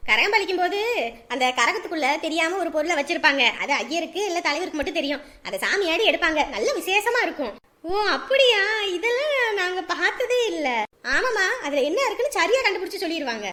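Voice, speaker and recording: A woman's voice: extremely high pitch, very animated, a little fast, sharp tone. A middle-aged woman playing an in-law in a family drama, chatty and explaining. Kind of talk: family web series acting.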